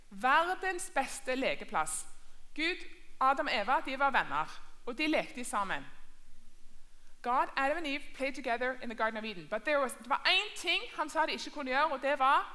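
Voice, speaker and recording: A woman's voice: high-pitched, pushed and bright. A woman teaching a children's church class, asking questions and repeating herself in two languages. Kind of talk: bilingual Sunday school lesson.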